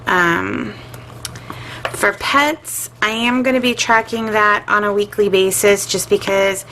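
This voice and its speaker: A middle-aged woman talks casually to her viewers as she works through her budget at a home desk. Her voice sits at an ordinary middle pitch, and she muses aloud with lots of um's. A faint hiss of room noise sits behind her. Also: fairly even intonation, takes it slowly, pushed and bright, rough recording. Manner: chatty, musing aloud with filler words. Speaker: budgeting vlogger. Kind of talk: casual chat while budgeting.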